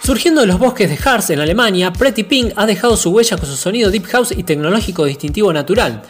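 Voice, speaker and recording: A male radio host with a high voice who reads artist introductions quickly, in a polished announcer's delivery. Soft music plays faintly behind him. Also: animated, husky. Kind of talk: scripted radio presenting.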